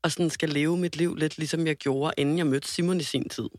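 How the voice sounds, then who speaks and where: Young woman podcast co-host, lively storyteller, cusses freely, close and dry on the mic. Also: low voice, no room sound. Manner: animated storytelling, swears freely. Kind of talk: casual podcast chat.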